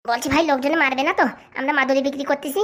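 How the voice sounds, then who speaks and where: Nervous cartoon sidekick, male, hesitant, bright and shrill, played by a woman. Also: fairly even intonation, rapid-fire. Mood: worried. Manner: hesitant, worried. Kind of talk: comic cartoon voice acting.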